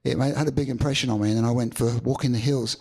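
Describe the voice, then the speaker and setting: A man, a musician guest, answering at length in a halting, reflective way with many restarts, in a studio session before a live audience. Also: mid-range voice, steady tone, creaky, a little mellow. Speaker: musician guest being interviewed.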